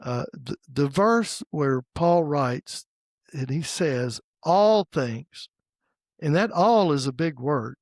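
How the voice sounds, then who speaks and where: A man in his sixties from the United States, hosting a podcast in a casual faith conversation and pausing often with fillers and restarts. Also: a little high, lively intonation, no echo, clean studio sound. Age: 60s. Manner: halting, with many fillers and restarts. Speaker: podcast host.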